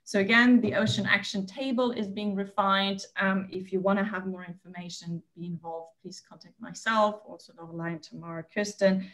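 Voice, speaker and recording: A woman's voice: mid-range voice, fairly even intonation, a bit bright. Woman presenting at a conference panel. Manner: hurried, with frequent fillers and restarts.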